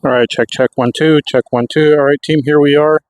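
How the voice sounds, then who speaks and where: An American vlogger testing gear talks off the cuff in a fairly high, fairly even voice at a fairly quick pace. His unscripted narration rambles as he thinks aloud, recorded on a clip-on mic.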